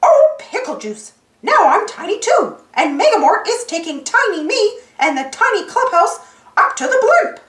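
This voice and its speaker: A woman voicing a cheerful, heroic little male cartoon mouse telling his adventure eagerly in a high voice. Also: sing-song, normal speed, a bit bright, echoey room, heavily acted. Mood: alarmed. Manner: eager, exclamatory.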